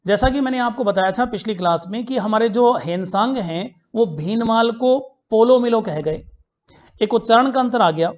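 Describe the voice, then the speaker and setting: A man's voice: sits high, normal speed. A male history teacher giving an online class lecture, asking quiz questions, answering them himself and repeating key facts for students to remember. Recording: dull lo-fi recording.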